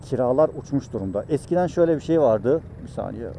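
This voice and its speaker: A man's voice: mid-range voice, animated, fast talker. A man talking casually and ramblingly to viewers from inside a helmet as he rides a motorcycle through city traffic, in a motovlog style. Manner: rambling, conversational, addresses viewers directly. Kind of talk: casual vlog chat while riding a motorcycle. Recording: loud traffic and engine noise.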